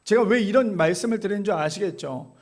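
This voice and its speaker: A man delivers a sermon in a church with an unusually high voice. He speaks in a chatty, easygoing way and keeps putting rhetorical questions to his listeners. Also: fast talker. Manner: conversational, asks the congregation rhetorical questions. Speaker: pastor.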